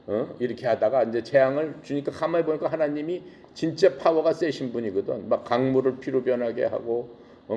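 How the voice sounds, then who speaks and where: A male preacher retelling a Bible story in a casual, animated way, full of rhetorical questions. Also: medium pitch, lo-fi sound. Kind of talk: sermon.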